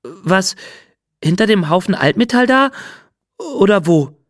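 Man voicing a nervous, grumbling little bug for a storybook, lively pitch. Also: a little slow, no echo, studio quality. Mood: flustered. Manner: suspicious, grumbling. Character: small wary male insect, grumpy skeptic.

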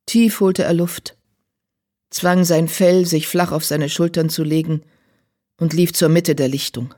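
A man narrating an animal adventure audiobook in a steady, dramatic storytelling manner. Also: a little high, unhurried.

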